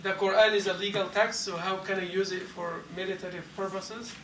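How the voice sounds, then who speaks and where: In a big carpeted mosque hall, a man with a high, level-toned voice gives a class lecture, calmly explaining and fielding questions while a crowd can be heard behind him. The sound comes from a lapel mic and a far-off camera, leaving it echoey and slightly hissy.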